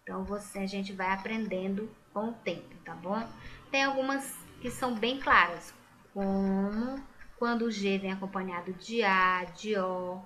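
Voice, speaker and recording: In a recorded remote class, a Brazilian woman with a Brazilian Portuguese accent teaches a primary school lesson, patiently sounding out words syllable by syllable. Her mid-range voice is bright and forceful, with fairly even intonation and a slightly slow pace.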